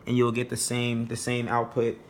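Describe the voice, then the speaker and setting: A man's voice: mid-range voice, monotone, moderate pace, a little hiss or hum. A man giving a casual, plain-spoken how-to narration, explaining things informally as a DIY presenter.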